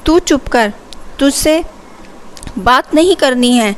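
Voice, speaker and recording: A woman voicing a stubborn, angry elderly mother-in-law who scolds harshly, in a slow, fairly high storybook reading. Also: animated.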